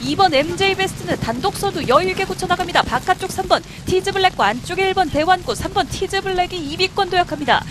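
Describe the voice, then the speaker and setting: A woman calling a horse race, rattling off numbers and names in quick play-by-play. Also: very high-pitched, expressive, noisy background. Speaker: race caller.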